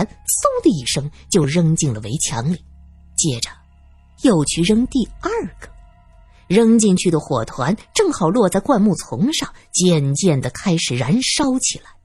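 A woman narrating a serialized audiobook, animated and acting out each character. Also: on the low side, slightly rough, dry recording. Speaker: storyteller.

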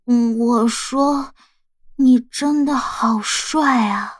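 A dazed, sweet young man who has had too much to drink, as a woman reader puts him on. He talks slowly, slurring and mumbling, in a raised, airy voice. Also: high voice, bright, forceful tone, no room sound, studio quality, voice pushed up, heavily acted. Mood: tipsy. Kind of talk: audiobook character voice.

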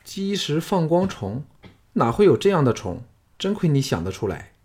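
A proud young noblewoman with a sharp tongue, voiced by a male narrator. She talks in teasing, haughty retorts, and her voice is a little husky. It sounds like a storybook recording. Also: fairly high pitch, sing-song, moderate pace, voice pushed up. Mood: exasperated. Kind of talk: audiobook character voice.

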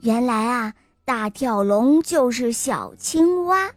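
A woman telling a bedtime story to children in a warm, sing-song way. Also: on the high side, animated, slow, dry recording. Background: faint music.

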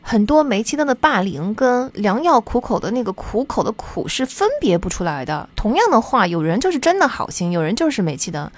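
A woman hosting a solo podcast on psychology, talking in an earnest, chatty way with lots of soft sentence particles as she gives advice. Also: fairly high pitch, very animated, fairly quick, few pauses, dry recording. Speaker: podcast host.

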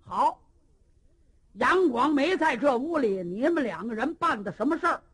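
Lady storyteller doing a loud bully of a warrior guy, demanding and threatening, huskyish. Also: sits high, animated, moderate pace, husky, heavily acted. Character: rough bullying male warrior interrogator.

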